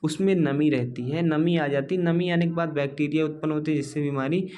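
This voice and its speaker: Slightly high-voiced male teacher, explaining. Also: steady tone, a little fast, a little mellow, a little hiss or hum. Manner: repetitive, explains step by step with rhetorical questions; friendly, calls students dear and brother. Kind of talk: exam-focused lecture.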